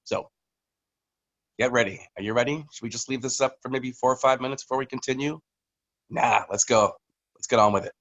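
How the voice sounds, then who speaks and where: A man's voice: mid-range voice, fairly even intonation, fairly quick, long pauses, a bit bright, highs cut off. Man, company executive, loose and chatty, lots of ums and restarts, video call mic. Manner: casual, rambling with many fillers and restarts. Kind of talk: business update on a video call.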